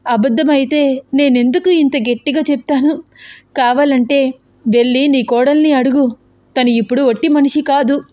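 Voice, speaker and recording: A woman voicing a scheming middle-aged wife who wails and shouts accusations in a spoken story. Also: moderate pace, natural voice. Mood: wailing accusing. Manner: shrill, wailing, accusing. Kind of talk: storybook acting.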